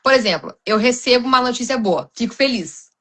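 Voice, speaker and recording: Uma mulher brasileira, com sotaque brasileiro, fala com sinceridade em um podcast cristão, com muitas hesitações e recomeços. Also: female voice, on the high side, lively intonation, brisk, fairly bright tone. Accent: Brazilian Portuguese. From Brazil. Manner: earnest, many restarts and fillers, addresses listeners as "gente". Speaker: podcast guest.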